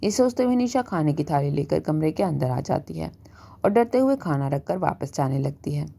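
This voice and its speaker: A woman narrating a scripted family story in a steady storybook reading. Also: low voice, normal speed, vocal fry.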